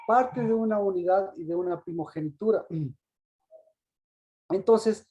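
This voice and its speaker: A man leads an interactive Bible study over a video call, pausing and repeating words as he poses questions. His voice sits high and sounds mellow, with the upper frequencies cut off.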